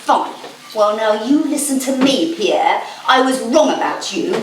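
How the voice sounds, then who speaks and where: A woman's voice: fairly high pitch, expressive, unhurried. A woman playing a young heiress who talks in a pleading and then scornful way, in an amateur stage play. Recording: echoey stage from far off, noisy.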